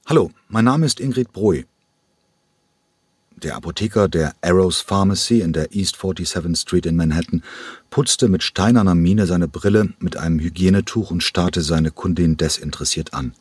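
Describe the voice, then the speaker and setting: Deep husky guy reading an audiobook, steady, dry close sound. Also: normal speed, dry recording. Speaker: audiobook narrator. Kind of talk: scripted narration.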